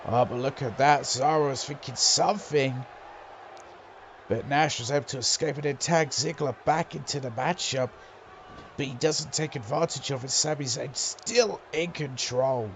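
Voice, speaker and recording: Creaky-voiced male wrestling commentator, excitable. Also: mid-range voice, slight background noise. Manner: exclamatory, with drawn-out calls at big moves.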